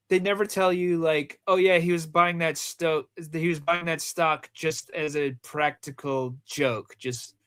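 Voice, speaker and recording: Here the Rhode Island co-host of a film countdown show keeps things loose, teasing and joking through casual movie talk. He speaks on the high side with a fairly bright tone.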